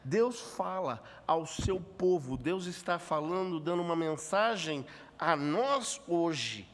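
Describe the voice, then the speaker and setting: A man in his fifties preaching at a conference, moving from humorous storytelling into fervent emphasis. His voice sits a little high for a man. A long reverb trails each phrase through the church hall. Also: lively intonation, slow. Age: 50s. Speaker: pastor. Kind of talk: conference sermon.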